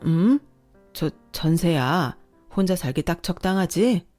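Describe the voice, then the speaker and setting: A woman voicing a worn-out older working father who speaks softly and hesitantly in a read-aloud story. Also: fairly low pitch, lively intonation, slow, faint music behind. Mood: gentle. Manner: soft, hesitant, apologetic. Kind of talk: scripted story reading.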